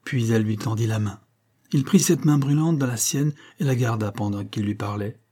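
A man narrating a novel as an audiobook in a steady, measured reading. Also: on the low side.

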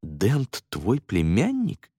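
A man doing a quiet, weary father. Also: lowish voice, wildly swooping pitch, extremely slow, breathy edge, no echo, studio quality, faint music behind, exaggerated voice. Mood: subdued.

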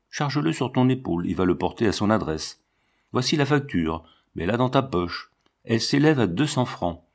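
A man reads a classic storybook aloud in a low, measured voice. His narration is even and careful. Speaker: audiobook reader. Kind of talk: scripted narration.

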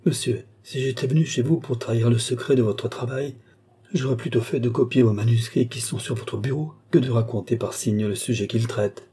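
A man's voice: medium pitch, steady tone, brisk, dark tone, slightly rough. A man voicing a frightened young man in an audiobook, pleading and protesting his innocence. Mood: earnest. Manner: pleading, stammering.

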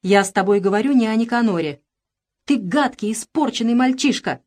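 A woman's voice: a little high, expressive, fairly quick, darkish tone. A woman voicing a stern, cold noblewoman who scolds and commands her son harshly, in an audiobook. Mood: cold anger.

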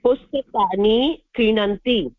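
A woman's voice: on the high side, takes it slowly, dry recording. A woman student in a group voice call, reading exercise answers aloud and stopping often to check with the teacher. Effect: heard through a group voice call. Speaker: student in an online language class. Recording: phone-like voice call audio, dry.

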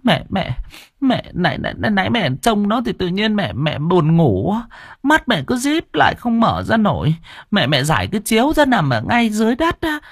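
A man takes on an anxious middle-aged mother. Her choked voice stammers and rises high, husky and close on a dry track. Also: big pitch swings, moderate pace, a little mellow, no room sound, heavily acted. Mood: frantic.

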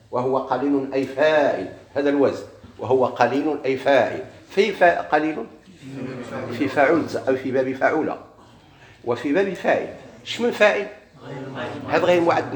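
A man with a Moroccan Arabic accent teaching a classroom grammar lesson. He keeps quizzing his students and slowly draws out each example word. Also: on the high side, lively intonation, reverberant.

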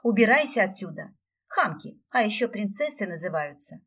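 Cheeky little male dragon, chatty and brash, read by a woman narrator; breathy tone. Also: medium pitch, big pitch swings, moderate pace, a bit bright, far from the mic. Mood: grumbling.

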